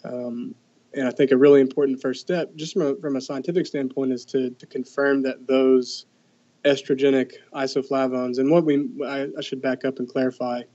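Young guy scientist explaining stuff, lots of ums, kinda flat and dark, muffled podcast sound. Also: mid-range voice, moderate pace. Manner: hesitant, many fillers and restarts. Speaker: guest researcher. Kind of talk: conversational expert explanation.

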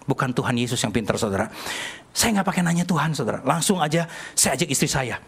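A man's voice: mid-range voice, fast talker, vocal fry, husky. An older man preaching a sermon, telling a personal story in a chatty, joking way. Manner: chatty, jokey, acts out dialogue in animated voices. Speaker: pastor.

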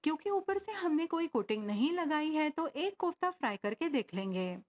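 High, lively woman explaining a recipe. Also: moderate pace. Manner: explanatory, gives step-by-step tips. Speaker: cooking channel host. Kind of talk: recipe voice-over narration.

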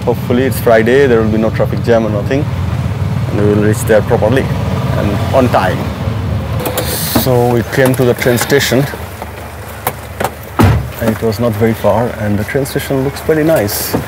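A male travel vlogger narrates a train trip casually for viewers, explaining each step as he goes, outdoors, in a car, and at a train station. His medium-pitched voice moves at normal speed with long pauses, and he strains and groans while hauling heavy bags. Loud street and traffic noise fills the recording.

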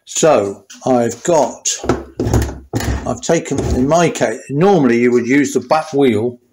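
A man's voice: medium pitch, takes it slowly, background noise. Older man explaining engine work. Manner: thinking aloud, restarting sentences while working. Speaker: motorcycle mechanic. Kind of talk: hands-on workshop tutorial. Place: small garage workshop, indoors.

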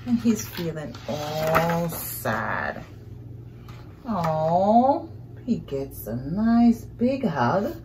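Seated on a couch in a small living room, a middle-aged woman reads a picture book aloud to young children, improvising the narration and tossing in exclamations and questions. Her lowish, darkish voice moves in a sing-song way at a very slow pace. There's slight background noise.

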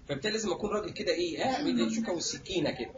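A man with an Egyptian Arabic accent giving a lively surgery lecture to students, joking and acting out little scenes. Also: sits high, very fast, dull audio, background noise. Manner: jokey, acts out little scenes, addresses students directly.

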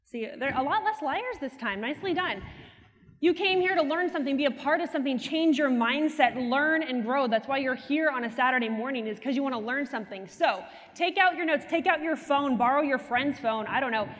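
A young woman giving an animated, teasing motivational keynote on a conference stage through a headset mic. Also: high voice, brisk. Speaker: keynote speaker. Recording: hall reverb from a conference stage.

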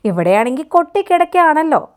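A woman voicing a scheming, sharp-tongued middle-aged woman who taunts and sneers. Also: sits high, sing-song, fast talker, voice pushed up. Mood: taunting. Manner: taunting, sarcastic.

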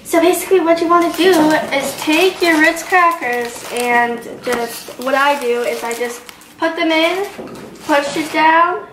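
A woman's voice: sits high, a little slow, background noise. A teenage girl walking through a recipe at home in her kitchen, chatty and loose, full of "like" and "um", recorded on a nearby camera. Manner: chatty, explains steps with many "like" and "um". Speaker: home cooking vlogger. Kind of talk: casual cooking demo. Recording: roomy kitchen with clattering dishes.

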